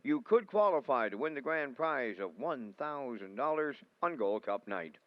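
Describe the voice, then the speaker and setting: Male track announcer, formal measured calls, slightly muffled recording, very little room sound. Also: mid-range voice, expressive, dry recording. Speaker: racetrack announcer. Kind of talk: formal public-address announcing.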